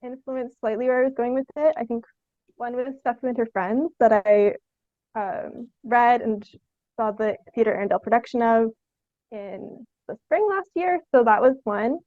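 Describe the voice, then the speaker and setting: A young woman, a theatre artist, chats casually as a guest on a podcast, her voice a little high and her pace normal. She's tentative and meanders, dropping "like" throughout her sentences. The audio is dry, narrow, and tinny.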